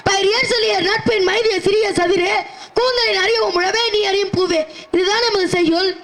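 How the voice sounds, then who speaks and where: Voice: very high voice, fairly even intonation, moderate pace, fairly bright tone. A performer playing a proud, haughty male poet who boasts and challenges in formal declamation. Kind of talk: Tamil stage-play acting.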